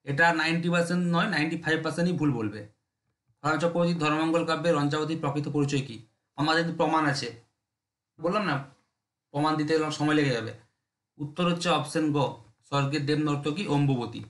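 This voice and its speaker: Brisk man teaching exam questions. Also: on the high side, fairly even intonation, fairly bright tone, echoey room. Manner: brisk, drilling, repeats checks with listeners. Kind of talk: rapid MCQ exam lesson.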